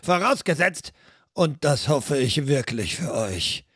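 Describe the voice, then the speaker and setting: A man's voice: fairly high pitch, sing-song, slow, a bit bright, breathy edge, no room sound, studio quality, full character voice. A man voicing a blunt, short-tempered veteran warrior who growls his threats. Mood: threatening.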